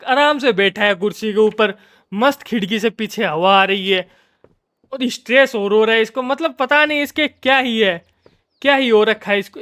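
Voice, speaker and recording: A gamer with a very high, slightly bright, clean-toned voice offers casual, jokey commentary while playing, playfully scolding the on-screen characters.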